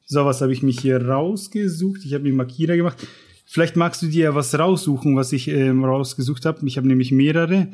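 A man co-hosting a writing podcast chats casually and enthusiastically, full of colloquialisms and fillers, before reading a passage from a book aloud. His mid-range voice is brisk and has a darkish tone.

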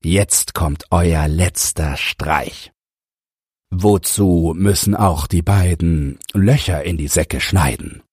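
A man reading rhyming verse aloud for an audiobook podcast, in a measured, rhythmic way. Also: sits low, a little mellow, husky, no echo, clean studio sound.

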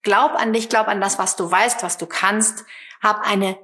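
A woman's voice: mid-range voice, steady tone, unhurried, pushed and bright. Encouraging woman podcast host. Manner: encouraging, speaks directly to the listener. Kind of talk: solo podcast advice talk.

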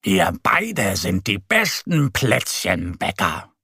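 A man voicing a sleepy, stubborn little bear boy in a children's story, slow and grumbly. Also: deep voice, huge pitch swings, creaky, loud music behind the voice, pitched below the performer's own voice, full character voice. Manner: drowsy, grumbly.

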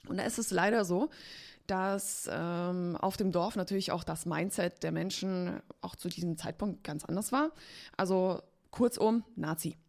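Guesting on a relaxed podcast, this agency co-founder from Poland and eastern Germany talks openly, laughing frequently and peppering her speech with fillers. Her voice sits fairly low, moves a little slowly, and carries vocal fry.

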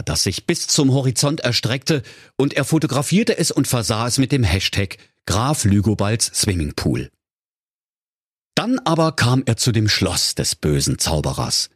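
A man narrating a comic fairy tale with playful, lively storytelling and a pitch that rises and falls freely. His voice sits mid-range, and the recording is close and dry with no room sound. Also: slightly rough, no echo.

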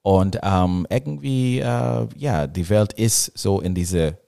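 Deep-voiced American man speaking halting, English-accented German. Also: creaky, dark tone. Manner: halting non-native German sprinkled with English words, frequent tag questions. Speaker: podcast guest, marketing business owner. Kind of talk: casual conversational interview.

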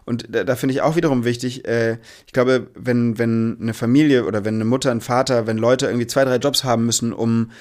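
Male interview guest, mid-pitched, earnest and thoughtful, conversational, feeling his way toward phrasing. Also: steady tone, brisk, few pauses, darkish tone. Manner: reflective, earnest, searching for words.

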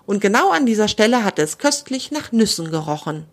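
A woman narrating a children's story with a lively, expressive reading. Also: medium pitch, a little fast.

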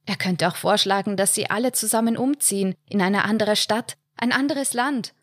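A woman narrating a short story in a measured storytelling way. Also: mid-range voice, no room sound, clean studio sound. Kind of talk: audiobook short story reading.

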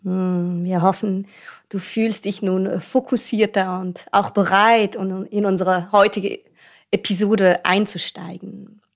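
A woman podcast host with a medium-pitched voice and plenty of creak. She explains things directly to her listeners. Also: level tone, slow pace.

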